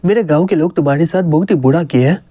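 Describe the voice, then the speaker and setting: A man's voice: fairly high pitch, quick pace, mellow, no room sound, close to an everyday voice. A man voicing a flirty female elf village head, coaxing and forward.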